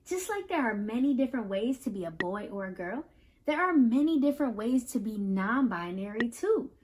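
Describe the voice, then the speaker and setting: With a high voice and big swings in pitch, a woman reads a picture book aloud for children, teaching step by step as host. She addresses listeners directly with simple questions in an animated, instructive way, at normal speed with slight background noise.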